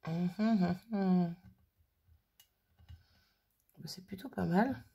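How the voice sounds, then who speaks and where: A woman talking her way through a craft project, her voice gravelly with a husky edge. She chats loosely, mutters to herself and hums while she works at the table, picked up by a nearby camera mic. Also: fairly low pitch, slow, mellow. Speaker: crafting vlogger. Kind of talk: casual thinking aloud while crafting.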